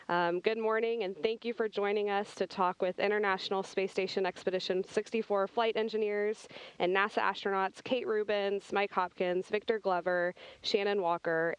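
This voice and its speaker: Clear American woman hosting a press event. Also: medium pitch, no room sound, rough recording. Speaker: press event host at space agency. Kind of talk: scripted announcement and moderating.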